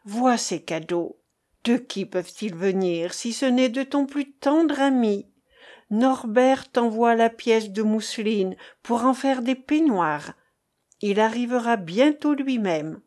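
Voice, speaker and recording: A woman's voice: fairly high pitch, lively intonation, slow pace, a little mellow. A woman voicing a scheming, mocking old female servant, reading an audiobook in a scolding, teasing way. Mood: coaxing.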